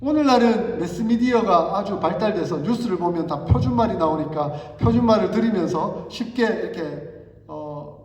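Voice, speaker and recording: A man's voice: sits high, animated, moderate pace, darkish tone. A man preaching a sermon as pastor to his congregation, telling the story playfully and trying out dialect examples on his listeners. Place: church sanctuary. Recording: echoey hall, voice from far off. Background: long hall reverb.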